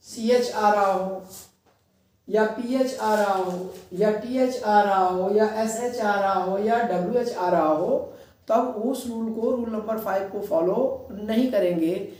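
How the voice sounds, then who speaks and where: A man's voice: high-pitched, slow pace, a little mellow. A man teaching a lesson, explaining rules step by step and repeating key points, with an Indian English accent. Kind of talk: classroom lesson. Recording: echoey room, distant mic.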